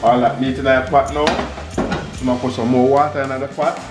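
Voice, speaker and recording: A man with a Jamaican accent talks casually through a home cooking demonstration, dropping in patois phrases as he goes. His voice sits at an ordinary middle pitch. The kitchen is echoey, and music plays clearly underneath. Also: level tone, brisk. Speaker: home cook and vlog host.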